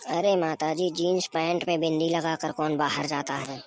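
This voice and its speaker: A woman's voice: deep voice, level tone, normal speed, close to an everyday voice. A woman voicing a cheeky, self-assured young daughter-in-law in a comedy skit. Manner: cheeky, talks back. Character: cheeky young daughter-in-law, dim but sure of herself.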